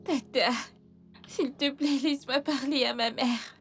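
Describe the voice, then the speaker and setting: A woman dubbing a timid grieving young girl who pleads softly and tearfully. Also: high-pitched, steady tone, unhurried. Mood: pleading.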